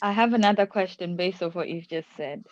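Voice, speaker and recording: A woman's voice: on the low side, brisk, no echo, muffled recording. A young woman in her twenties hosts a casual podcast chat, thinking aloud and asking probing questions. The recording is dry and close, with a slightly dulled top end. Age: 20s. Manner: reflective, asks probing questions. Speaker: podcast host.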